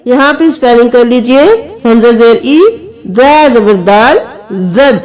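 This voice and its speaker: Slow, high-voiced woman teaching recitation. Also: darkish tone. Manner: slow, patient letter-by-letter explanation, with sung recitation between. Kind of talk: tajweed lesson, spelling out letters.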